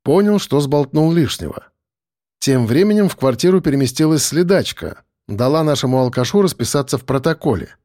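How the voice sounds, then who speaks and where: A man narrating a first-person audiobook in a wry, lively storytelling manner. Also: on the high side, fairly quick, no echo, studio quality.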